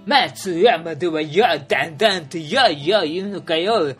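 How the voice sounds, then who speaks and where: A storyteller voicing an excitable tourist who keeps chanting the same question loudly. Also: medium pitch, measured pace, slightly rough, soft background music. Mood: pestering. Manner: loud, repetitive, sing-song chanting. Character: excitable tourist pestering about local dialect.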